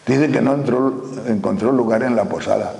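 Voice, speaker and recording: Gravelly old preacher man in echoey hall. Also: medium pitch, normal speed, warm tone. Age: 80s. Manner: earnest, rhetorical questions, repeats words while searching. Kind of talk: sermon. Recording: echoey hall with long reverb.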